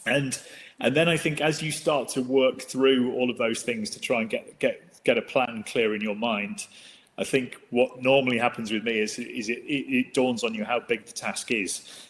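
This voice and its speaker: A man's voice: medium pitch, fairly even intonation, moderate pace, fairly bright tone. Hesitant man in a reverberant room. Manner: hesitant, many restarts and ums. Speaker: marketing executive. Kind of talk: interview answer. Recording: long hall reverb.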